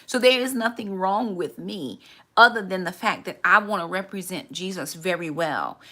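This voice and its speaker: A woman's voice: lowish voice, normal speed, bright, forceful tone. A woman in her forties hosting a candid, reflective faith talk, earnest and often repeating words as she gathers her thoughts. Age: 40s.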